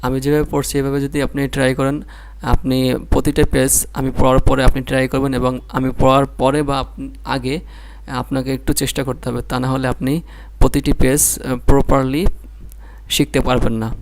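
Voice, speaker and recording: A man's voice: mid-range voice, flat delivery, normal speed. A man with a Bangladeshi Bengali accent teaching Quran reading, drilling syllables one by one and explaining patiently. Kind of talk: slow spelling-out lesson.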